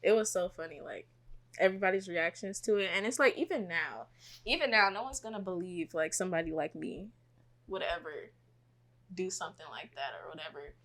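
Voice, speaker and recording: A woman's voice: lowish voice, a little fast, fairly bright tone. This is a young woman co-hosting a casual podcast. She tells her stories easily, with a loose, chatty flow. She throws in "like" all the time and breaks into laughter at the funny parts. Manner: laid-back, heavy use of "like", laughs through stories. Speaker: podcast co-host. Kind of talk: casual storytelling chat.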